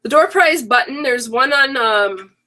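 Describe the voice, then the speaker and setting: Speaking a little slowly in a high voice with lively intonation and a sharp tone, a middle-aged woman hosts an online craft workshop. Her casual live-stream chat is rambling and self-correcting, and her voice is worn from an oncoming cold.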